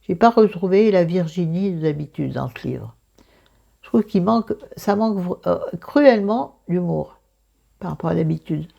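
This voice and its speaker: A woman with a croaky morning voice and vocal fry, chatting casually through a book review in a self-mocking, digressive way, thinking aloud. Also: fairly low pitch, animated, normal speed, mellow, dull audio.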